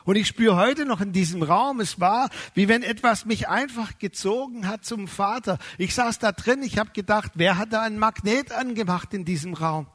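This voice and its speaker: A middle-aged man, a pastor, preaching a sermon with lively emphasis, slowing down on key words and acting out the voices of people he quotes. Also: high voice.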